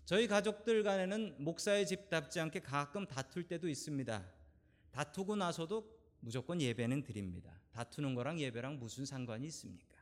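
A man's voice: on the high side, animated, fairly quick. A man in his forties, a pastor delivering a sermon, questioning the congregation directly and building emphasis.

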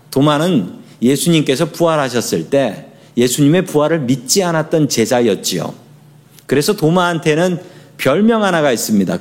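A man's voice: fairly high pitch, darkish tone. A middle-aged man preaching a sermon as pastor, leading the congregation in responses and telling light anecdotes. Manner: leads congregation in responses, tells humorous anecdotes.

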